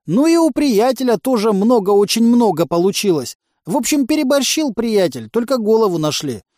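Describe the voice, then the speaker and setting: A man's voice: sits high, sing-song, normal speed, dark tone, no echo, clean studio sound, voice pushed up. A man voicing a cowardly young male stoner and moonshiner who whines and pleads in a squealing voice. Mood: pleading. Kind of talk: audiobook character voice.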